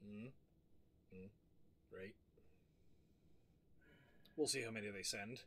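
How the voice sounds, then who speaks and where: A man's voice: lowish voice, slow, pushed and bright. A man bantering casually as a player in a tabletop role-playing game.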